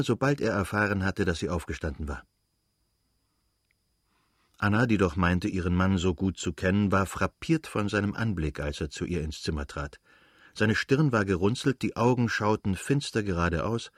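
A man with a husky voice narrating a novel in a measured, even manner. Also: on the low side, no echo, studio quality. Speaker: audiobook narrator.

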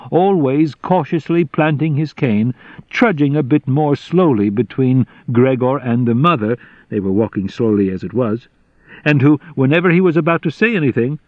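Male audiobook narrator, deliberate and measured, dry close sound. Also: mid-range voice, no room sound, lo-fi sound. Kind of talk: scripted literary narration.

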